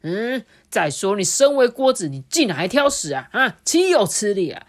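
A woman's voice: medium pitch, big pitch swings, normal speed, pitched above the performer's own voice. A woman voicing an irritable head chef in a storybook, scolding the cooks and the pot. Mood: indignant. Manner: scolding, blustering.

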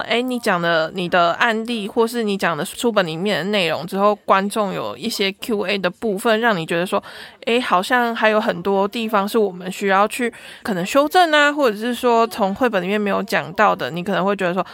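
A woman's voice: mid-range voice, brisk, fairly bright tone. Woman host asking questions. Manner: rambling, searching phrasing with fillers. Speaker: podcast host, interviewer. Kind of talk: casual interview questions.

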